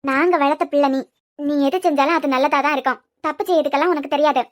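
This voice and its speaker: A woman putting on a fond old grandmother with a Kanyakumari lilt, pitched lower than her own high voice. She comforts and scolds in the same breath, motherly and coaxing, like a granny in a cartoon serial. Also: fairly even intonation, fast, lightly acted. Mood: soothing. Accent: Kanyakumari Tamil. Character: gentle elderly grandmother, soothing and scolding. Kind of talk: cartoon web series voice acting.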